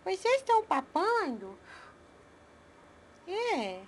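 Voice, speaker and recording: High cooing woman in slow baby talk. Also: big pitch swings, a little hiss or hum. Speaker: pet owner talking to her turtles.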